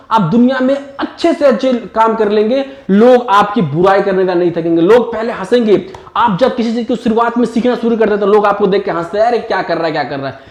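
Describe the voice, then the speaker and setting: A man's voice: extremely high pitch, reverberant. A man giving a motivational spoken-English lesson, mixing Hindi with simple English phrases and repeating each point. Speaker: English teacher.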